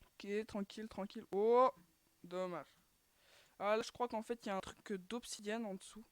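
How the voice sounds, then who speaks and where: A woman's voice: medium pitch, steady tone, moderate pace, dry recording. A woman hosting a gaming channel, chatting casually through her gameplay with lots of fillers and restarts, and groaning at each failed attempt. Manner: chatty, filler-heavy, keeps sighing "too bad" at failed attempts.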